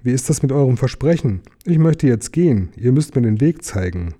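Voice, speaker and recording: A man voicing Bilbo, a small, frightened male hobbit who tries to sound bold and squeaks when scared. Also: animated, a little fast, mellow, lightly acted. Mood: forced bold. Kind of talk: audiobook character voice.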